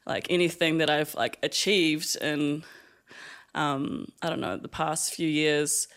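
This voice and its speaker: A man's voice: on the high side, fairly even intonation, slow pace, fairly bright tone, smooth. A young man from Fiji, talking reflectively as an artist guest in a casual interview, with many fillers and laughs.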